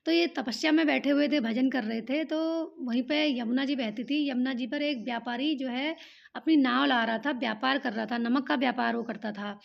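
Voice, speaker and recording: Woman storyteller, devotional legend, high gravelly voice, dull lo-fi recording. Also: moderate pace. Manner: plain spoken narration with fillers.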